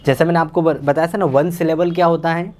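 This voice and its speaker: A man's voice: on the high side, steady tone, a little mellow. Man teaching English grammar in Hindi. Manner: explains slowly, repeats and translates each example; calls viewers "bhaiya".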